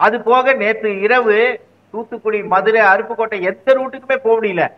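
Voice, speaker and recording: A man's voice: high voice, steady tone, fairly quick, dull audio. A man speaking as a guest commentator in a heated political interview, arguing his side with repeated rhetorical questions.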